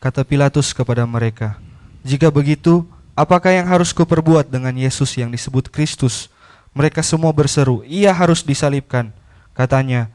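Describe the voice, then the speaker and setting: A man reading scripture aloud in church, steady and measured. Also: mid-range voice. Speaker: scripture reader.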